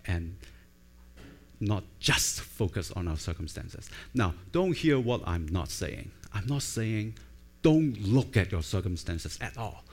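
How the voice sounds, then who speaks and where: This medium-pitched voice with vocal fry belongs to a middle-aged Hong Kong man, a native Cantonese speaker with a Cantonese accent. Preaching a conversational sermon as a pastor, he keeps checking in informally, often adding "right?" or "okay?".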